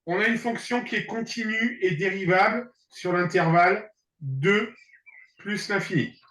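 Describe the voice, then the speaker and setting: A man's voice: sits high, measured pace, a bit bright, roomy sound. A man tutoring a student in math online, teasing and joking as he explains. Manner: joking, teasing, laughs often.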